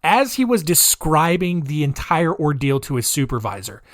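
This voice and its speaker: Chatty and lively, the man hosting this casual storytelling podcast calls his listeners "guys," scatters asides throughout, and alternates loud emphasis with quieter remarks. He speaks at a moderate pace with a fairly high pitch. It's studio-quality audio with no room sound.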